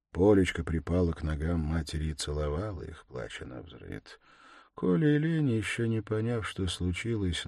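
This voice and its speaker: A man reading a classic novel aloud as an audiobook, in a measured, grave manner. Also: sits low, gravelly, darkish tone, no echo, studio quality. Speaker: audiobook reader. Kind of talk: dramatic audiobook narration.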